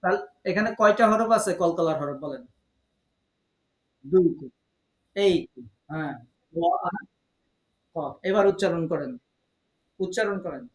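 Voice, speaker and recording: This man speaks a little slowly in a high voice with big pitch swings and long pauses, captured roughly in an echoey room. He has a Bangladeshi Bengali accent and leads an online recitation class by video call, patiently testing students, encouraging them, and correcting their pronunciation.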